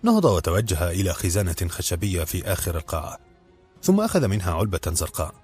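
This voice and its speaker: A man reads a novel aloud in a steady, measured way, his voice very low and husky. Faint music sits quietly behind the narration. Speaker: audiobook narrator.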